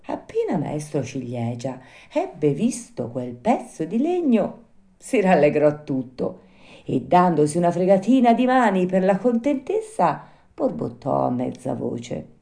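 A woman reads a classic storybook aloud in an unhurried, expressive way. Her voice sits low and mellow, swinging widely in pitch as she tells it. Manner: expressive, lively reading. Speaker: narrator. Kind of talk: storybook narration.

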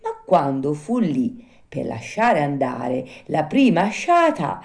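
Low, expressive woman reading a tale. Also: slow, gravelly. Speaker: narrator. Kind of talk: storybook narration.

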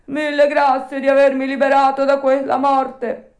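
A woman voicing a frightened male dog in a storybook reading, with high, drawn-out, wailing pleas. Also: monotone, darkish tone, lightly acted. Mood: grateful. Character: terrified drowning male dog, later grateful.

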